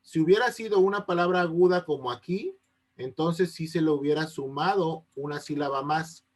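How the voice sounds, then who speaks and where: A man's voice: a little high, moderate pace. A man teaching an online class over a video call, explaining step by step and often checking that his students understand. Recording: unstable connection.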